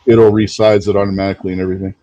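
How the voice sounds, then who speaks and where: Helpful, chatty man with a mellow voice. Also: lowish voice, little pitch movement, very fast, muffled recording. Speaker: fellow streamer and guest. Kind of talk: casual chat, explaining step by step. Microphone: online voice chat.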